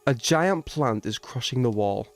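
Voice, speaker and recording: During a casual livestream, a man thinks aloud about the game in an animated, mid-pitched voice, using informal slang and often questioning himself before trailing off. He speaks unhurriedly, with music faint in the background.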